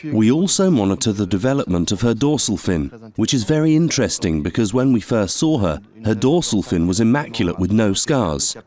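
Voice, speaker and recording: A man's voice: lowish voice, big pitch swings, brisk, hardly any pauses, a little mellow. A man giving plain, explanatory commentary as a diver and observer in a nature documentary.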